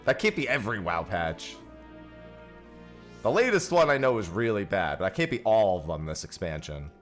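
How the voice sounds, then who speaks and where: Man, livestream headset audio, chatty gamer, deep-ish voice, animated delivery. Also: normal speed, faint music behind. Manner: chatty, joking, thanks viewers for gifts. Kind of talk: casual livestream chat while gaming. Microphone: headset mic, livestream audio.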